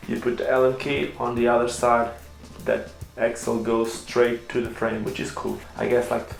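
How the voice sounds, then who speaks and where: A man's voice: mid-range voice, creaky. A man who speaks Portuguese as his first language, giving a chatty, enthusiastic review while unboxing skates and correcting himself along the way. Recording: echoey room with faint music.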